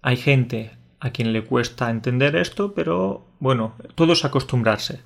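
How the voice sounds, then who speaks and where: A man with an Andalusian Spanish accent co-hosts a relaxed podcast conversation. His delivery is good-humoured, with easy laughter and patient explanations. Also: mid-range voice, a little slow, creaky. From Andalusia, Spain. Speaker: podcast co-host. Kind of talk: casual podcast chat.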